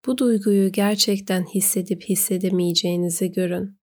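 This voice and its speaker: A woman narrating a guided meditation, giving gentle, unhurried instructions with pauses. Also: medium pitch, steady tone.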